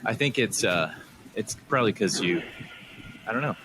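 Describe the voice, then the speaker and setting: A man's voice: fairly low pitch, lively intonation, moderate pace. A man hosting a casual podcast chat, easygoing and rambling, often laughing. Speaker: podcast host. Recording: noisy recording.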